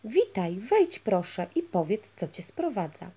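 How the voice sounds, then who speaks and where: A woman voicing a wise, kindly old wizard who speaks gently and patiently, in a storybook reading. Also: medium pitch, very animated, unhurried, slightly rough.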